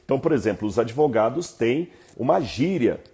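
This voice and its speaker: A man with a Brazilian accent giving an animated Bible teaching talk, often asking his listeners rhetorical questions. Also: medium pitch, brisk, husky. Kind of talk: explanatory teaching talk to viewers.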